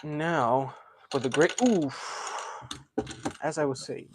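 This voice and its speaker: A man's voice: fairly high pitch, slow pace, slight background noise. A man hosting a casual live stream, chatting and thinking aloud as he builds, a self-described yapper. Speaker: livestream host.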